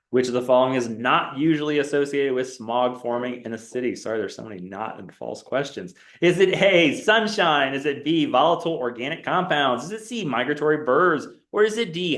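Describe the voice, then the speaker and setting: With a medium-pitched, fairly bright voice, a man leads his class through a quiz review game, reading out multiple-choice answers in a rising, questioning way. The lecture classroom sounds echoey.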